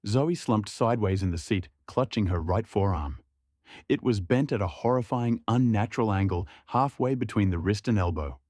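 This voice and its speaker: A man narrating a dramatic story in a steady, measured scripted delivery. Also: on the low side, no echo, clean studio sound.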